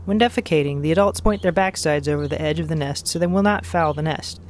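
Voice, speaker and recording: A man reading scripted nature documentary narration in a measured, factual, explanatory manner. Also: a little high, a little hiss or hum.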